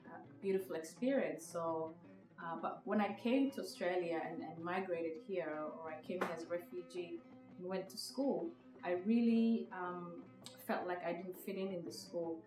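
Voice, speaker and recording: A woman's voice: fairly low pitch, normal speed, distant mic. A woman from Somalia, in her thirties, telling her own story in a reflective, hesitant way with many fillers and restarts. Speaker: podcast guest, visual artist. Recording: echoey room, from the mic, music behind.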